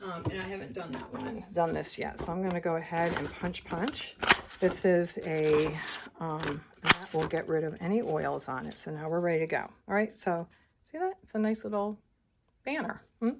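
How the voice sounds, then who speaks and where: A woman's voice: on the low side, normal speed, vocal fry, background noise. Chatty woman demonstrating crafts. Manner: chatty, thinking aloud while working. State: a little out of breath. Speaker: scrapbooking instructor. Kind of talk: casual craft tutorial.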